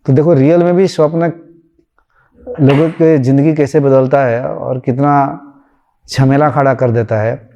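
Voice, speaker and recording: A man's voice: medium pitch, steady tone, unhurried, long pauses, warm tone, lo-fi sound, a little hiss or hum. A man, a spiritual teacher, giving a conversational storytelling talk and acting out the voices of the people in his story.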